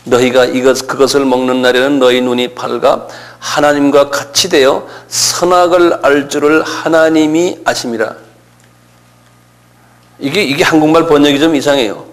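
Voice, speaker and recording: A man's voice: mid-range voice, fairly even intonation, moderate pace. A pastor giving a conversational sermon lecture, often asking his listeners questions. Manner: conversational preaching with rhetorical questions.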